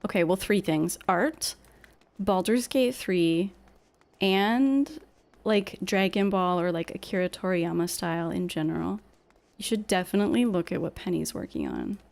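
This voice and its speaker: A woman's voice: on the low side, big pitch swings, measured pace, creaky, darkish tone. A young woman streamer chatting casually while gaming, swearing and laughing at herself.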